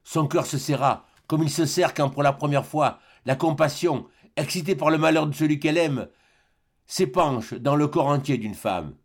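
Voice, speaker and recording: A man reading a classic novel aloud as an audiobook narrator, in a measured, even storytelling manner. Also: on the high side.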